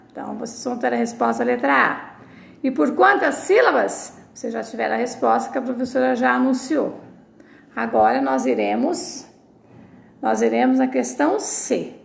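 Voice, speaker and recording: A Brazilian woman teacher giving a recorded video lesson for children, explaining words slowly and syllable by syllable. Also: high-pitched, vocal fry. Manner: slow, deliberate syllable-by-syllable explanation. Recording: echoey room sound.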